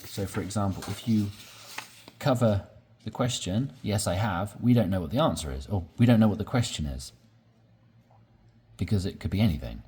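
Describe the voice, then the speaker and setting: A man teaching English, slowly explaining sentence patterns and repeating examples with patience. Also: on the low side, animated, mellow, a little hiss or hum. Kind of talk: slow explanatory lesson.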